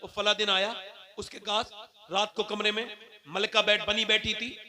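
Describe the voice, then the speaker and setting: High, bright-voiced man preaching. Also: flat delivery, moderate pace. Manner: emotional storytelling, swinging from hushed to loud. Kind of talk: sermon. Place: public religious gathering.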